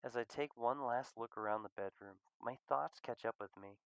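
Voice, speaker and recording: A man's voice: medium pitch, normal speed, vocal fry, dry recording, poor audio. Man narrating a visual novel. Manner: reflective, steady storytelling.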